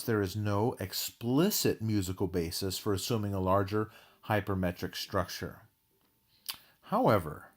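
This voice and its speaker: Low-voiced man giving a music theory lecture. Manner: measured academic delivery with occasional fillers. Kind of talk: recorded lecture reading an analysis.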